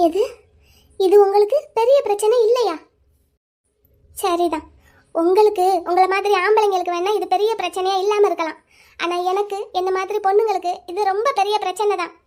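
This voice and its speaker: A woman voicing a hurt young wife in a cartoon drama, crying and accusing her husband loudly. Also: very high voice, fairly even intonation, a little fast, long pauses. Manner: loud, accusing, bitter. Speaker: voice actor.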